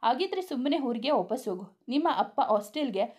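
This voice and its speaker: A woman's voice: high voice, big pitch swings, fairly quick, a little mellow. A woman voicing a young male student who bluntly scolds and comforts his friend in a story reading. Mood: firm. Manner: firm, scolding advice.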